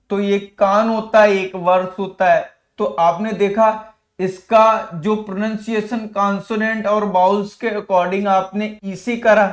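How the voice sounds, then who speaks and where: A male teacher with a notably high voice, patiently explaining grammar rules and addressing his students fondly. The sound is roomy and echoey, as if from a classroom. His pace is steady and instructive.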